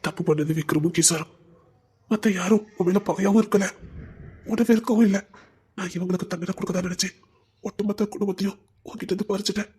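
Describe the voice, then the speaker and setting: A husky, breathy voice voices a remorseful husband in an audio drama, as an actor plays him. He has a Tirunelveli Tamil accent and pleads and apologizes with deep feeling. His pitch sits in a middle range. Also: fairly even intonation, fast, long pauses, a little mellow. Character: remorseful short-tempered husband.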